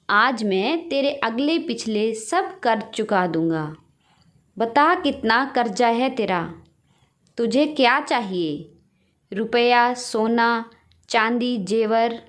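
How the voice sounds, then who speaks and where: A woman's voice: fairly high pitch, expressive, slow. A woman voicing an impatient, short-tempered grown son in a storybook tale, complaining and irritable. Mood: irritated.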